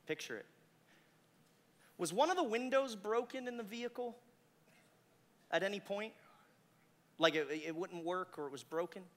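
A man's voice: high-pitched, animated, moderate pace, pauses often. A man performing a live mind-reading stage show, intense and commanding as he gives instructions to audience members. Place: large hall with audience, on a microphone. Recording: echoey hall, long reverb on stage microphone.

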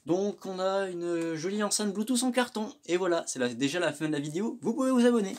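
A tech unboxing vlogger with a high, brisk male voice chats casually and pokes fun at himself while opening a microphone. His manner is relaxed, chatty and self-mocking, and the clip was recorded indoors on a phone.

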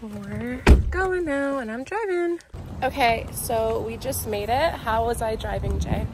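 A woman's voice: a little high, unhurried. Bubbly young woman vlogging on camera. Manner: bubbly, gushing, filler-heavy. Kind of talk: casual vlog chat. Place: car and shops, indoors. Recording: echoey room with faint ambient noise.

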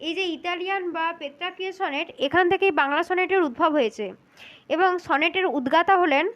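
A woman with a very high voice talks through exam answers as a spoken lesson. She works methodically, repeating each key point and speaking directly to the listener. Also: brisk, lo-fi sound. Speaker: teacher for exam interview prep.

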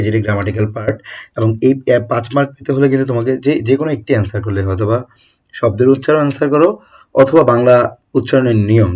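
A man's voice: medium pitch, lo-fi sound. A young man teaching an exam-prep lesson, who keeps posing rhetorical questions and answering them himself.

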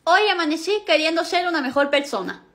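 A woman's voice: very high voice, a little fast, a bit bright. A woman voicing a sassy, scheming teenage girl who talks back in a snarky, mocking way.

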